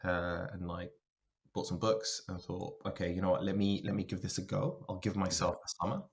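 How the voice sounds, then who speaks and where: A man with a deep voice and vocal fry speaks a little fast with fairly even intonation. He's a software engineer and linguist appearing as a podcast guest, casually working through his career story and thinking out loud.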